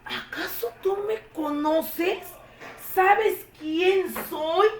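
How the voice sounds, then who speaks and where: A woman voicing a short, excited man who shouts in a shrill voice, in a storybook tale. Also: very slow, roomy sound, a little hiss or hum, heavily acted. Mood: astonished.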